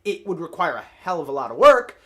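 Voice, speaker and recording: Higher-voiced critical man reviewing films. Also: big pitch swings, a little fast, bright, forceful tone. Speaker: podcast co-host. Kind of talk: casual movie review chat.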